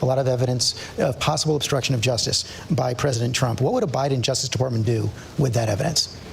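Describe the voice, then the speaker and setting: A male town hall moderator whose playback has been sped up, giving him a chipmunk voice that races along at a breathless clip. Under the squeak there is a gravelly grain to his questioning. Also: fast, slight background noise. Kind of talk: broadcast moderating.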